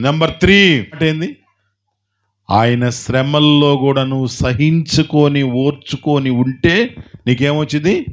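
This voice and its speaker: A man preaching a sermon as pastor, building rhythmic lists of repeated phrases and calling on the congregation to answer him. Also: medium pitch. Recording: dull lo-fi recording.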